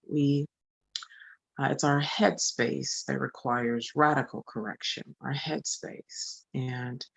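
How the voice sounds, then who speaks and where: A woman's voice: rumbling low, creaky, breathy edge, no room sound. A woman in her forties giving an earnest motivational talk as a spiritual coach, often repeating phrases for emphasis. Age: 40s.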